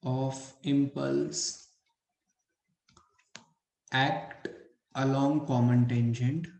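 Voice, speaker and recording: A man with an Indian English accent dictates physics notes at a very slow, deliberate pace, repeating every phrase. His voice is mellow and a touch high, and the room around him is echoey. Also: fairly even intonation, gravelly. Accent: Hindi-English mix, Indian English. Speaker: physics teacher.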